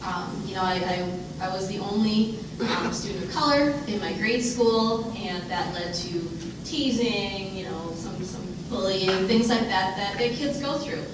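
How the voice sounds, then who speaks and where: A woman speaks candidly as a guest on stage, joking at her own expense and filling pauses with ums. Her voice sits at a middle pitch and comes from far off the mic. A very echoey room and steady noise surround her. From United States. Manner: candid, self-deprecating, many ums. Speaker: interview guest, diversity director. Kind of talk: onstage interview. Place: event room with audience.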